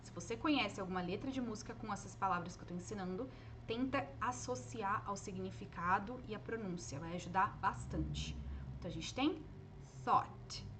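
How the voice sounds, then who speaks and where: A woman's voice: medium pitch, background noise. Patient woman teaching pronunciation live. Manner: patient, explains slowly and models words aloud. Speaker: English teacher. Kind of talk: live online pronunciation lesson.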